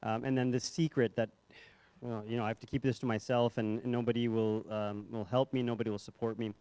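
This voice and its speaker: Speaking into a handheld mic in a hotel ballroom, a young psychiatrist delivers a conference talk that's chatty and self-mocking, with many fillers and restarts. His medium-pitched voice is dark, clear, and resonant, a little fast with little pitch movement, and the recording is dry.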